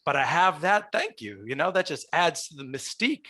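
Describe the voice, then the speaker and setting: Raspy, bright-voiced man hosting a podcast. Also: on the high side, very animated, fairly quick. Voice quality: raspy, like a smoker's voice. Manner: chatty, showman-like announcing. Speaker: podcast host. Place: small glass-walled office, video call. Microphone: headset boom mic.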